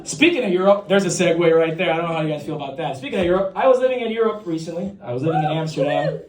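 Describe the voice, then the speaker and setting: A man's voice: a little high, lively intonation, rapid-fire. A young man from Puerto Rico performing a stand-up set on a comedy club stage, chatty and self-deprecating and ribbing the crowd. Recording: roomy club recording from a distance with a loud crowd.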